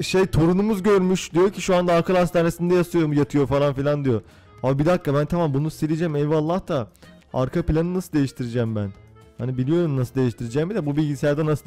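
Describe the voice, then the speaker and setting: Excitable young man doing game commentary. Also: fairly high pitch. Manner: excitable, swears and laughs often. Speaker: gaming YouTuber. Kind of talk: let's play commentary.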